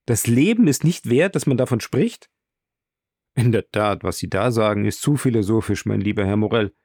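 A man's voice: lowish voice, steady tone, brisk, gravelly, a little mellow, no echo. A man voicing an emphatic nobleman of about thirty in a read-aloud novel. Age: 30s. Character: elegant noble around thirty, emphatic, effusive.

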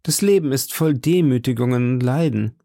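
A man's voice: medium pitch, moderate pace, vocal fry, warm tone, dry recording, studio quality, lightly acted. A man reading an audiobook, voicing a melodramatic, brooding young musketeer in a raised, solemn, theatrical voice. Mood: gloomy.

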